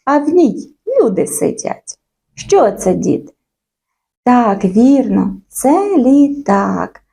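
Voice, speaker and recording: A woman teaching young children a phonics lesson, stretching out sounds and words in a slow, sing-song way. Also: mid-range voice, dark tone, breathy edge.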